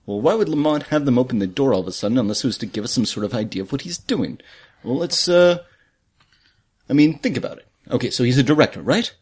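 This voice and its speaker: A man playing a tabletop role-playing game, chatting off the cuff in a playful, jokey way and thinking out loud. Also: mid-range voice, expressive, fast talker, breathy edge. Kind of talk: casual improvised game-table chat.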